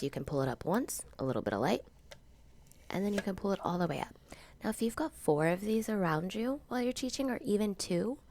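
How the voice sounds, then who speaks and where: Sniffly sick woman whispering her vlog at home, low gravelly voice. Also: background noise. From Florida, USA. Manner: whispering quietly throughout. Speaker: teacher and channel host. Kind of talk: casual how-to vlog. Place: at home in a dark room.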